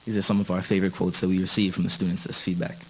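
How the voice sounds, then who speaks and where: A man's voice: deep voice, flat delivery, racing, slightly rough, rough recording. A man reading out a formal list of thanks and acknowledgments as a student presenter.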